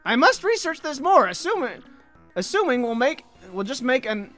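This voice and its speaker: A woman's voice: high voice, big pitch swings, normal speed, fairly bright tone, soft background music, pitched above the performer's own voice. A woman voicing an eccentric male scientist professor, reading game dialogue aloud and stumbling over some words. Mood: lecturing.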